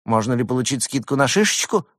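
A man's voice: medium pitch, very animated, fast, fairly bright tone, no echo, studio quality, voice pushed up. A man voicing a pompous wolf trader who poses as a great demon wizard and pushes souvenirs. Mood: wheedling. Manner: boastful, fussy, pushy salesman.

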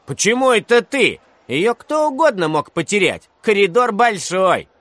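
A man's voice: high voice, sing-song, measured pace, a bit bright, no echo, voice pushed up, heavily acted. A man voicing a mean, defiant fourth-grade boy who taunts and drags out his retorts. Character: bratty mean schoolboy, defiant and cheeky.

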